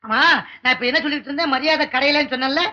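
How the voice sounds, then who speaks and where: A man's voice: very high voice, very fast, sharp tone, exaggerated voice. An actor playing a cheeky middle-aged shop clerk who talks brash and teasing to his boss, in a 1960s film comedy. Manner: brash, teasing, mock-formal. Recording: dull old film soundtrack.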